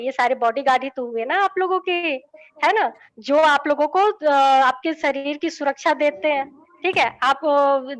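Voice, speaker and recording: Woman, high voice, young adult, children's teacher, coaxing, keeps checking in. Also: a bit bright. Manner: coaxing, asks "ठीक है?" after nearly every line. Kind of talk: lesson for children.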